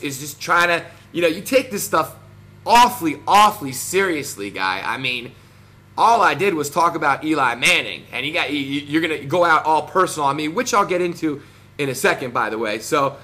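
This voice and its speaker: A man's voice: fairly high pitch, sharp tone. A man in his thirties with a New Jersey accent, ranting combatively to camera with lots of fillers. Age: 30s. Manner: combative, boastful, many fillers. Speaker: vlogger.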